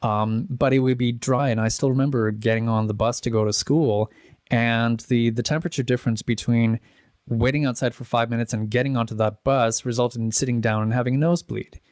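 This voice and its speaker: His mid-range voice is steady and darkish, and he talks briskly; the sound is clean studio audio without room sound. This Czech pianist and composer in his forties, a guest in a casual interview, rambles and restarts, chuckling at his own stories as he self-corrects.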